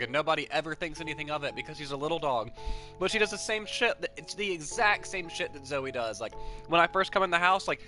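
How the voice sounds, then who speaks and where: A man talking casually on a livestream, his voice bright and a touch high for a man. He rambles, swears freely and leans on "like" in almost every sentence. Soft music plays faintly underneath. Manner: rambling, profane, peppered with "like". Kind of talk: casual chat.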